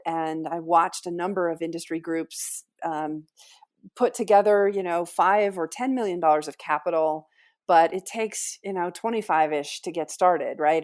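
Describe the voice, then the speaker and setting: A woman's voice: on the low side, darkish tone. A woman, a company founder, talking energetically as a guest on an interview podcast and often restarting her sentences. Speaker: guest, founder and CEO of a financial firm.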